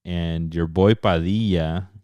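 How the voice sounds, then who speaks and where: A man's voice: low voice, fairly even intonation, slow pace, warm tone, no echo, lo-fi sound. A man co-hosting a soccer podcast, chatting casually and switching between English and Spanish. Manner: laid-back, mixes English and Spanish. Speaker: podcast co-host. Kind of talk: casual sports chat.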